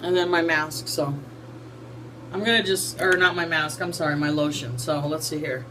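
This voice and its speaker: A woman in her early forties with a low voice speaks at normal speed in a steady tone, casually explaining her skincare routine. The folksy, filler-heavy how-to chat comes from a small home bathroom. She records on a close built-in camera mic, and the background is noisy.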